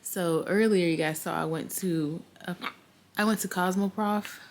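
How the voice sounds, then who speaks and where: A woman's voice: lowish voice, a little hiss or hum. A woman in her late twenties chatting casually to her viewers in a vlog, upbeat and talkative. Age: late 20s. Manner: chatty, upbeat, says "y'all". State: has the hiccups. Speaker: vlogger.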